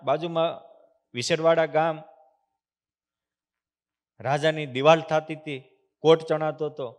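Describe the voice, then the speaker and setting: A man giving a temple sermon. He tells devotional stories, chants verses, and moves between loud emphasis and soft hushed passages. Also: on the high side. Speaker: swami giving a discourse. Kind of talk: sermon with storytelling. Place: temple hall.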